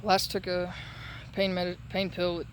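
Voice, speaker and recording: A man talking casually and haltingly in a solo update while recovering from surgery with a sore throat. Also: sits high, monotone, slight background noise, low-quality recording. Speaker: patient giving a recovery update.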